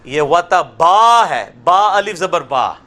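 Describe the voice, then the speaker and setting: Bright-voiced man teaching slow recitation. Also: sits high, expressive. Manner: explains pronunciation, then recites slowly for listeners to repeat; slips into Punjabi asides. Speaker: religious lecturer teaching prayer recitation. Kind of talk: classroom lesson with slow drawn-out recitation.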